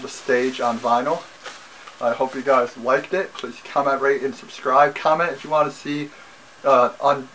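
A man's voice: medium pitch, fairly bright tone, a little hiss or hum, low-quality recording. Young man rambling through a casual haul. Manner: rambling, repeats himself, frequent ums. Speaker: vlogger. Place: small bedroom, indoors. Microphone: camera mic, seated facing camera.

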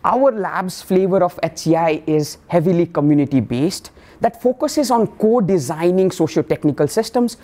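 A man, giving an academic lecture in a classroom in a measured, explanatory way with frequent fillers. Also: a little high, warm tone. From Nepal. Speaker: professor giving a colloquium talk.

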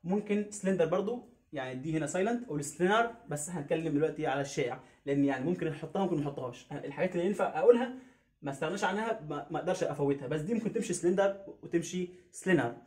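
A man with an Egyptian Arabic accent teaching English pronunciation online, drilling each word slowly and repeating it many times. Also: fairly high pitch, expressive, a little mellow. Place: home teaching setup on camera.

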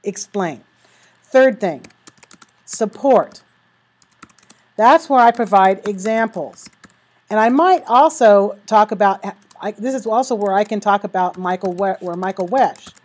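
A woman teaching a recorded writing lesson into a computer mic, her voice sitting at an ordinary middle pitch. She has the hiccups and talks students through each step, slowing down to read out sample sentences.

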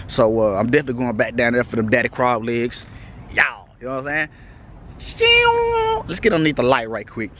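A man with a Texas accent, originally from Texas, chats with his viewers outdoors at night for a casual vlog update. He keeps things loose and laid-back with plenty of "you know what I'm saying." His voice is mid-range and a bit bright, and slight background noise is audible.

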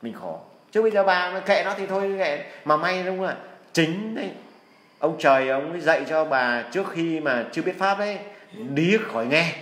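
Man, earnest folksy spiritual advice, slightly high voice, echoey room. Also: animated, normal speed, fairly bright tone. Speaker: healer giving spiritual advice. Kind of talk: casual Buddhist advice talk.

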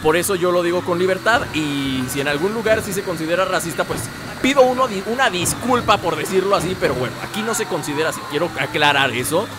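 A man's voice: high-pitched, noisy background. A man with a Mexican accent, chatting through a let's play and talking back to the game as he plays. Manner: chatty, talks back to the game, explains asides at length. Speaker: gamer. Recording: loud game sounds under the voice.

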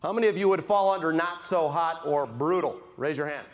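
A man with a slightly high voice gives a keynote speech to a live audience, teasing listeners and asking them to raise their hands. He is middle-aged and speaks at a conference. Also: brisk. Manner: joking, addresses the audience with show-of-hands questions.

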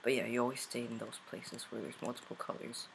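A man quietly muttering commentary while playing a game, concentrating and reacting to each round. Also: medium pitch, steady tone, brisk, gravelly, noisy background. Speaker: gamer.

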